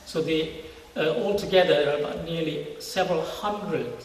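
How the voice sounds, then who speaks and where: Interviewed informally for a testimony in a big church hall, a middle-aged research scientist from a Singapore university describes his work in a slightly high voice, conversational but halting. The sound is very echoey, picked up by a distant mic with faint noise.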